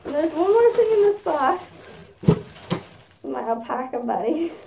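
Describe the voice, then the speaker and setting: A woman vlogger chatting excitedly while unboxing gifts, talking through a costume head. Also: high-pitched, measured pace, vocal fry, noisy background. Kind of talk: casual unboxing chat.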